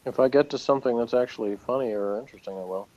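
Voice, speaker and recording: Racing along in a mellow, mid-range voice, this man reviews an episode in a relaxed way, reading passages aloud and cracking dry, sardonic jokes. The highs are cut off and noisy room ambience comes through clearly.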